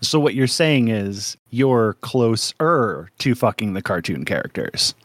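Slow-talking man on a podcast. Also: on the low side, expressive, a bit bright, no room sound. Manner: rambling, laughs often, joking. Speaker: podcast co-host. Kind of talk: casual podcast chat.

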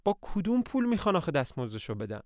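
A man's voice: fairly high pitch, big pitch swings, darkish tone, no room sound, clean studio sound, voice pushed up. A man reading the lines of an earnest, worried young woman who runs a household and speaks with frustration.

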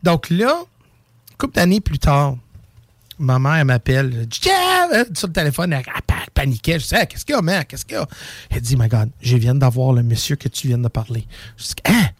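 A man with a Québécois French accent hosting a call-in show, telling a story in an animated, excitable way. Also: medium pitch, brisk, no echo. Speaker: radio show host. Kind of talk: casual storytelling and call-in chat.

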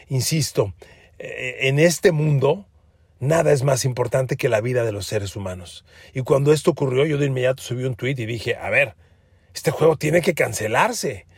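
The sports podcast host, a man with a Mexican Spanish accent, talks in a husky, mid-range voice captured with clean, dry studio sound. His commentary monologue is emphatic. He calls his listeners friends and repeats words for emphasis.

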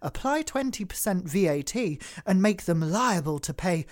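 A woman's voice: lowish voice, expressive, normal speed, lightly acted. A woman reading out an opinion piece in a put-on posh, pompous English accent, playing its private-school writer. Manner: exaggerated upper-class reading voice.

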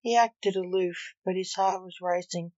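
A woman reads a story aloud at a slow, measured pace. The recording is dry and close, and a bit dull in tone. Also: lowish voice, steady tone, darkish tone, no echo. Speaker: narrator. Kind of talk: story reading.

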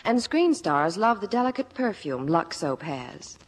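On a 1950s radio broadcast, a woman working as a Hollywood reporter delivers scripted promotional chat in a lowish, sing-song, unhurried voice. The vintage recording has the echo of a theater.

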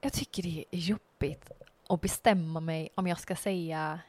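A woman's voice: lowish voice, fairly even intonation, darkish tone, no room sound. A woman with a Swedish accent, co-hosting a podcast in casual chat, chatty and responsive with frequent laughter and short replies. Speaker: podcast co-host.

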